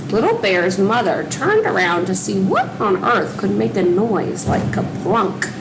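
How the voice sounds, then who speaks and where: A woman's voice: medium pitch, gravelly. A woman, a teacher, reading a children's picture book aloud. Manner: slow, expressive storytelling. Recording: outdoor traffic noise behind.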